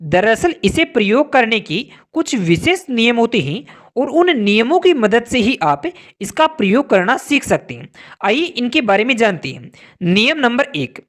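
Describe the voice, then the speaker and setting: A woman narrating a scripted grammar lesson, slowing down to spell out example words and sentences. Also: on the high side. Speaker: grammar teacher.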